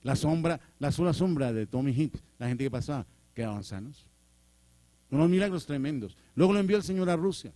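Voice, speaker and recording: A man's voice: on the high side, brisk, no echo. A man preaching a sermon, telling a story and acting out the dialogue with animation. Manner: animated, acts out dialogue, chuckles.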